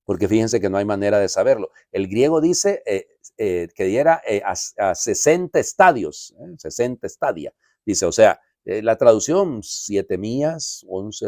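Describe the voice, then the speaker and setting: A man's voice: lowish voice, warm tone, no room sound, clean studio sound. A man, a priest, giving a conversational homily full of asides and rhetorical questions.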